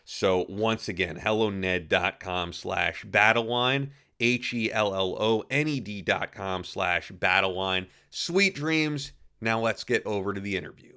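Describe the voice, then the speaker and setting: A man's voice: fairly low pitch, measured pace, hardly any pauses, pushed and bright, clear, resonant tone. A man hosting a podcast, introducing his guest with enthusiastic, rambling praise and plenty of fillers. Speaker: podcast host. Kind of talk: podcast interview.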